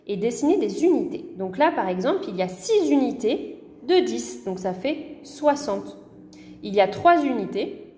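Slow, patient woman teacher with echo. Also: on the high side, darkish tone. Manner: slow, patient, spells out words syllable by syllable. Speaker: primary school teacher. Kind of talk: recorded lesson correction for young pupils.

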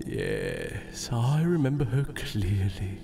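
A man voicing a mysterious male spirit who answers wishes, talking in a slow, secretive whisper. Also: fairly low pitch, wildly swooping pitch, vocal fry, exaggerated voice. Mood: sly. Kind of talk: audio drama acting. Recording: music bed underneath.

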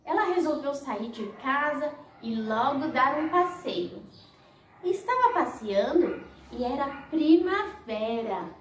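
A woman's voice: sits high, sing-song, slow, roomy sound, distant mic, a little hiss or hum. A woman, a nursery teacher, telling a children's story to toddlers in an exaggerated sing-song manner.

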